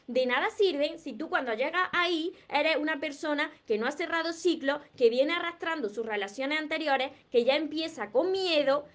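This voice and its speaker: High-voiced Andalusian woman giving advice. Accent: Andalusian Spanish. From Córdoba, southern Spain. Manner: earnest, repetitive, emphatic advice. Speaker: dating and self-esteem coach. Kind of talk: live-streamed motivational talk.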